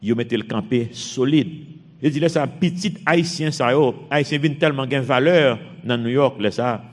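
Fervent Haitian preacher in a hall. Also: male voice, moderate pace. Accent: Haitian French. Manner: fervent, rises and drops sharply in pitch and force. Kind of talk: sermon with scripture reading. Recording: long hall reverb.

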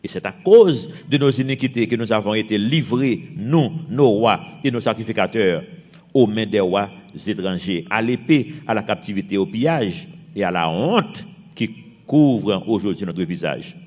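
A man's voice: animated, moderate pace, darkish tone. A man from Haiti with a Haitian French accent, preaching a sermon and reading scripture, his voice rising and dropping sharply in force. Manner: fervent, rises and drops sharply in pitch and force. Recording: long hall reverb.

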